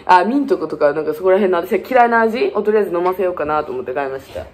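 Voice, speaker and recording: A young woman in her 20s, a beauty vlogger from Fukuoka, races through a casual shopping haul full of playful detours and self-mocking humor. Her intonation is lively, with pitch swinging high and low.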